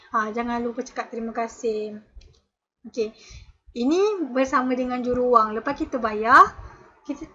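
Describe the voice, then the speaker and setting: A woman's voice: high-pitched, sharp tone, muffled recording. A woman teacher with a Malaysian Malay accent, patiently explaining a lesson and dropping in frequent "okay" and "ha" fillers. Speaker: special education teacher. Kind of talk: recorded classroom lesson.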